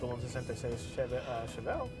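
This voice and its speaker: A man's voice: mid-range voice, very animated, fast talker, darkish tone, soft background music. A man working as a repo agent, speaking in a dry, matter-of-fact way and mixing in English phrases. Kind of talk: scripted reality banter and interview.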